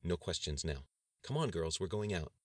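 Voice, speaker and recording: A protective young father speaks firmly in short phrases, with a very deep, low voice, read by a male narrator. The sound is dry and close. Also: expressive, moderate pace, darkish tone, no echo. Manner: firm, low and clipped.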